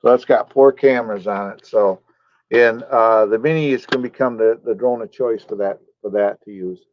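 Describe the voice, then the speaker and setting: A man's voice: fairly low pitch, normal speed, lo-fi sound, slight background noise. A man hosting a casual live stream, rambling and talking to his chat viewers by name.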